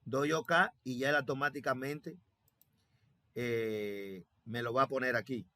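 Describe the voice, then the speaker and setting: A man's voice: medium pitch, steady tone, measured pace, pushed and bright, no echo. A man teaching a programming tutorial step by step over his screen, repeating himself and thinking aloud with many fillers. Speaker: software instructor.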